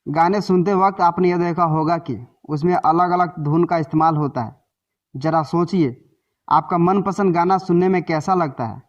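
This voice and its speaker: Male book-summary narrator, higher pitch, explanatory, slightly dull lo-fi sound. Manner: explanatory, with self-corrections.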